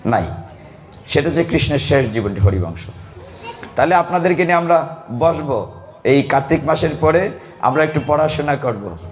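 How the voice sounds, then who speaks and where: A man preaching a devotional sermon to a gathering, asking the audience questions and calling for responses. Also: a little high. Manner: animated, asks the audience questions and calls for responses. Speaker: kirtan preacher.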